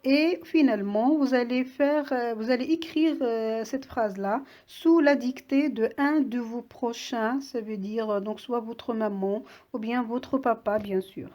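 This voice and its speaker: A patient woman teacher reads aloud slowly for young pupils, sounding out every word by syllable in a slightly high voice. The recording is lo-fi and has a voice-over quality.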